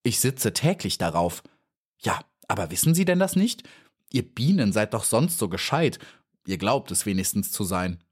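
A man's voice: sing-song, moderate pace, breathy edge. A man voicing a cheeky, boastful little female housefly in a storybook reading, cocky and dismissive. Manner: cocky and dismissive, then shrill and pleading.

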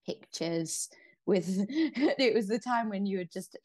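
A woman's voice: medium pitch, animated, slow pace, darkish tone. A woman talking casually as an interview guest, rambling a little and thinking aloud with many fillers. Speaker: interview guest, pole athlete. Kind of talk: casual conversation.

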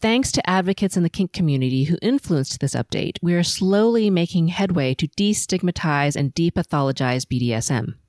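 A middle-aged woman from Los Angeles hosting a solo podcast, telling her life story in a measured, composed, prepared way. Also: lowish voice, lively intonation, darkish tone, no room sound, studio quality. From Los Angeles, USA. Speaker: podcast host. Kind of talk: autobiographical solo podcast narration.

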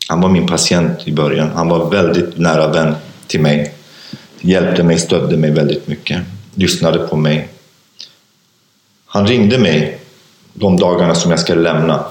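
A man telling his personal story in an interview, speaking haltingly with many fillers and restarts. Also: sits low, darkish tone. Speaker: interview guest, author. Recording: echoey room.

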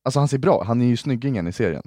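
A man's voice: medium pitch, animated, dark tone, no room sound, studio quality. A young man co-hosting a podcast, chatting casually in a playful, teasing way. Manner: playful, teasing, jumpy delivery. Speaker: podcast co-host. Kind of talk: casual chat.

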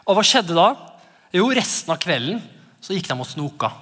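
A lively male pastor in his thirties preaches in a high, swooping voice that rises and falls constantly. He laughs often and slips into playful voices for his children. His words ring out with a long church-hall reverb. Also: breathy edge. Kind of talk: sermon.

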